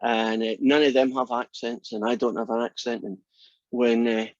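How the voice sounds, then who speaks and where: Opening his math course, a man from Scotland in his sixties teases and jokes plenty. He speaks at a moderate pace in a steady, mid-range voice, recorded dry and close, and the audio comes across slightly muffled and lo-fi.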